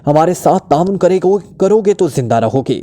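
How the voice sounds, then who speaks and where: A merciless killer speaks with icy calm menace, as a man reads him. The voice is dark and mellow yet sits a little high. Every word lands cold and threatening, in the manner of a storybook villain. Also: moderate pace. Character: cold ruthless male killer King.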